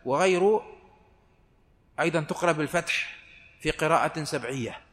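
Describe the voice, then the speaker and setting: A man delivers a scripture lesson in a slightly raised voice, reciting verses slowly and deliberately before explaining them. His words ring out with a long reverb, as if spoken in a large hall. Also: fairly high pitch, fairly bright tone. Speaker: Islamic scholar giving Quran commentary. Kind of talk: religious lesson, measured tafsir reading.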